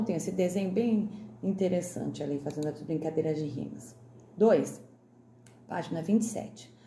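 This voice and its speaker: A woman teaching young children remotely, with a Brazilian Portuguese accent, slowly sounding out each word. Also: medium pitch, mellow, echoey room. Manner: slow, over-articulated sounding out of words for children. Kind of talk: remote classroom lesson.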